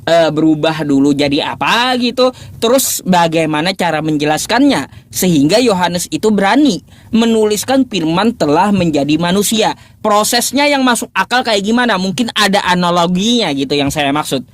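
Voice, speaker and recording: A man quizzing an opponent in a relaxed livestream debate, his pitch leaping high and low as he mocks and presses the point. He talks loosely, pausing to think aloud and hunt for his notes before pushing his question again. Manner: mocking, incredulous questioning with frequent laughs; animated pitch swings, thinks aloud while searching notes.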